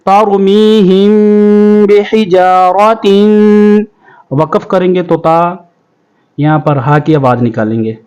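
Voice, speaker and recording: High, smooth male Quran teacher. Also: darkish tone, lo-fi sound. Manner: alternates quick explanations with slow, drawn-out recitation; addresses children as pupils. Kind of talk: tajweed lesson, spelling out and chanting Arabic words.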